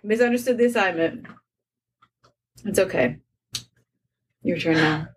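A woman's voice: medium pitch, unhurried, slightly rough. A woman in casual chat, playful and laughing often, with lots of fillers. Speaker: co-host of a drinking game chat. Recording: far from the mic with faint noise.

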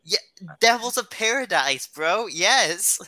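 Bright, dry-voiced gamer bro. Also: male voice, high voice, lively intonation, takes it slowly, dry recording. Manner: teasing, says bro a lot. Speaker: podcast co-host. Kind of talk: casual gaming chat.

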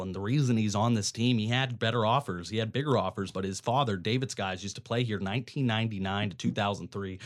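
A young man hosting a casual sports talk show, eagerly sharing stats and trivia. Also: fairly low pitch. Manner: enthusiastic, trivia-loving.

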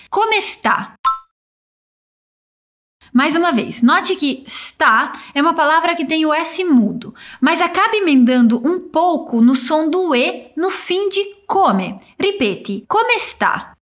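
A woman teaching a language, modelling short phrases slowly for listeners to repeat. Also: high voice, fairly bright tone. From Brazil. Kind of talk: guided pronunciation drill.

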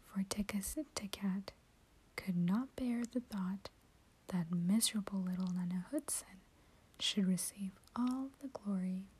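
A woman whispers a story at an unhurried, gentle pace, every word airy and breathy. Her hushed tone sits mellow and warm, close and soft, for a calm ASMR reading. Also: medium pitch. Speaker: channel host reading a story.

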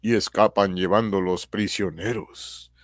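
A man acting as a dramatic old radio serial announcer, with slow, suspenseful, theatrical delivery. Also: lowish voice, fairly even intonation, no echo, studio quality, natural voice. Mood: ominous suspense.

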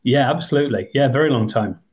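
A man's voice: medium pitch, fast talker, muffled recording. A man in his fifties with an English accent, telling long rambling stories as a podcast guest, with many hesitant ums. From England. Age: 50s. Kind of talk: storytelling in a podcast interview.

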